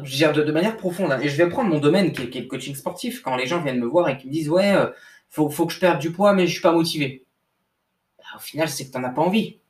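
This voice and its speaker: A young man, a sports coach, giving a casual motivational talk with lots of restarts and slang. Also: fairly high pitch. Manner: informal, repetitive restarts, addresses listener as bro. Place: at a desk indoors. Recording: echoey room, mic at a distance.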